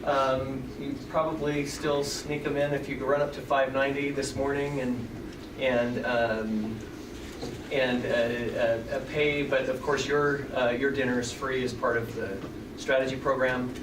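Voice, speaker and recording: A man's voice: mid-range voice, level tone, measured pace. A man teaching a class, chatty and conversational with fillers. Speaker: professor. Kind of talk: classroom lecture. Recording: roomy classroom audio from far off, loud background noise.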